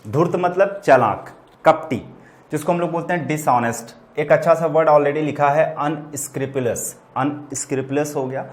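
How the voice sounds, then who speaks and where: A man's voice: a little high, moderate pace. A man teaching English vocabulary in a chatty, repetitive way, calling his students "beta" and "bachche" as he goes through synonyms and opposites. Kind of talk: explaining English words in Hindi to students.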